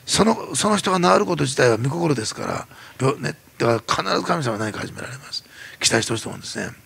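Japanese man preaching in church, fast and animated, sharp bright tone with heavy gravel. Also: mid-range voice. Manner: animated storytelling, acts out quoted voices. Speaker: pastor. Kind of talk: sermon.

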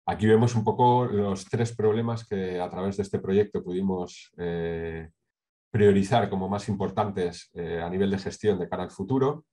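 A middle-aged man from Spain with a low, dark voice presents a project over a webcam on a video call. He talks in a measured way, pausing often with hesitations and tag questions. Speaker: sustainability consultant presenting a project. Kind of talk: online conference talk with slides.

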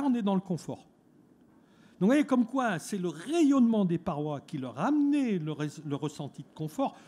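A man's voice: high-pitched, warm tone, husky. A man giving a talk at a fair, speaking conversationally with frequent "hein" tags and restarts. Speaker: lecturer at a trade fair talk. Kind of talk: conference talk. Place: conference room at an eco fair.

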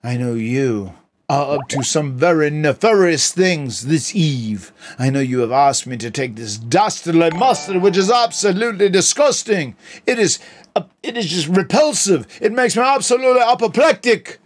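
A man putting on a theatrical, pompous persona, speaking in slow, archaic, overwrought phrases. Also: fairly high pitch, pitched above the performer's own voice, close to an everyday voice. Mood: pompous, indignant. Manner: pompous, drawn-out archaic speech.

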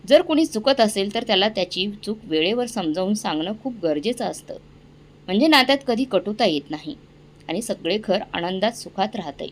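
A woman storyteller narrating a family moral story in an expressive, earnest read. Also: medium pitch, normal speed.

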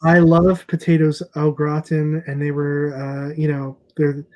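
A man co-hosts a casual video show for a comic shop, calling in from a small room at home on a wired earphone mic. His voice is a little high and darkish, and he speaks a bit slowly with a completely flat delivery.

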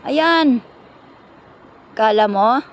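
A woman's voice: on the high side, lively intonation, extremely slow. A woman quoting a cocky young suitor. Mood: pressing. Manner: teasing, challenging.

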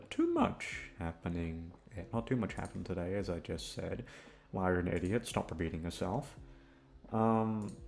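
A young adult audio roleplay voice actor with a deep, gravelly, somewhat mellow voice talks casually to his listeners over music. He rambles with hesitation, curses freely, and keeps putting himself down.

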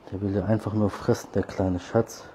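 Lower-voiced man coaxing cats. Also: little pitch movement, moderate pace, dark tone, slight background noise. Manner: coaxing and scolding street cats, rising pitch when calling them. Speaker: cat feeder and channel host. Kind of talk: casual talk to cats while feeding.

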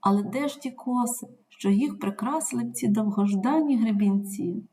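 A woman reading a story aloud in a measured, expressive narration. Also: on the high side. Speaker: reader.

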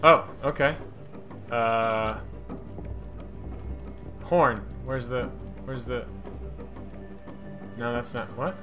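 A man giving casual gameplay commentary as a streamer, excitable and cursing at enemies while game music plays. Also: mid-range voice, extremely slow, long pauses. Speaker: gaming streamer. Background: game audio and music.

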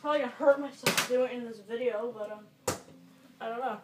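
Medium-pitched and a little fast, with a steady tone, a young teenager mutters and swears while rambling through an off-the-cuff tutorial vlog. The amateur video maker films in a small bedroom using a camera mic, giving an echoey, noisy home recording.

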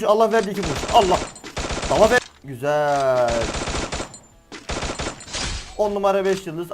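A young man giving excitable, slangy play-by-play of a shooter game, teasing the players he beats. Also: high voice, background noise. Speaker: gaming streamer. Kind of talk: live gameplay commentary. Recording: game music and gunfire behind.

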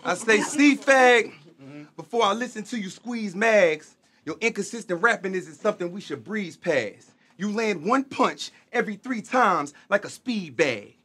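A man's voice: high-pitched, animated, a little slow, a bit bright, slightly rough. A man performing battle rap at a live event, taunting his opponent with punchlines. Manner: taunting, punchline-driven delivery. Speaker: battle rapper.

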